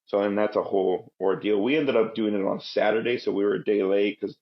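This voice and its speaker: A man's voice: fairly low pitch, steady tone, a little fast, muffled recording. A man in his thirties, raised in Southern California, a podcast guest telling stories in a laid-back, rambling way. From Guatemala, raised in Southern California. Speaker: podcast guest, Marine veteran. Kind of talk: casual interview storytelling.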